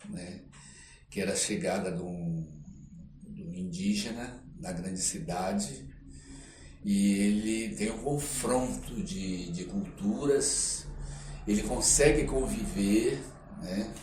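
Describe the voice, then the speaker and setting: A Brazilian performing artist, guesting on a podcast interview, tells stories in a slow, fairly low voice. His manner is reflective and rambling, and he often ends phrases with a checking tag. The room is echoey, with faint noise.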